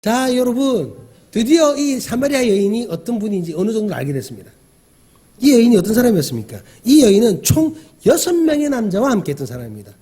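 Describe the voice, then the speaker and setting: A man's voice: very high-pitched, big pitch swings, fast, warm tone, husky. A male pastor giving a conversational sermon, often asking the congregation questions and acting out the dialogue he describes. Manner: acts out quoted dialogue.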